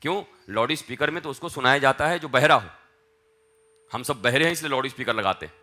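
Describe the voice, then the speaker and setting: Bright-voiced man telling a devotional tale. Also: medium pitch, quick pace. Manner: acts out dialogue in dialect, swings from hushed chant to loud calls. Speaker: spiritual teacher. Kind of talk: devotional storytelling sermon.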